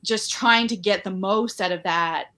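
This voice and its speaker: A woman's voice: medium pitch, a little slow, pushed and bright. A woman guest on a podcast, talking in an upbeat, chatty way with lots of "like" fillers. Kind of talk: casual conversational interview.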